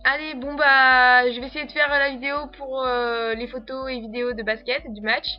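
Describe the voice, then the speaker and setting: A young adult au pair from France vlogs to camera in a high voice with little pitch movement and a French accent, talking at a normal speed. She chats casually and rambles, with many fillers and frequent giggles. Faint music plays behind a muffled recording.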